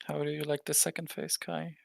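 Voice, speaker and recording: A man's voice: on the high side, completely flat delivery, a little fast, vocal fry, no echo. A man chatting casually over voice chat about a game raid, laid back and laughing often. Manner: laid-back, chuckling gamer talk. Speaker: tank player in a raid group.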